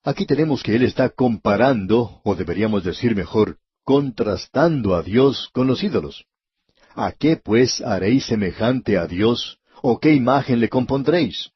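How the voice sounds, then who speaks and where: A man giving a radio Bible teaching, speaking straight to the listener and reading scripture slowly and deliberately. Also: mid-range voice, lively intonation, breathy edge, dull audio.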